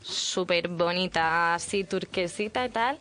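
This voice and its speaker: A woman chatting on a radio show, telling a travel mishap in a lively way with many fillers. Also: fairly low pitch, unhurried. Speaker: guest storyteller. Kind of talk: casual radio chat. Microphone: radio studio mic.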